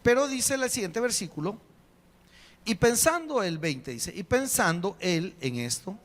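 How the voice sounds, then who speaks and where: A man, preaching a sermon as a pastor, emphatic, slowing on key phrases and putting rhetorical questions to the congregation. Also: high voice, sing-song. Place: church hall. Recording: long reverb of a church hall.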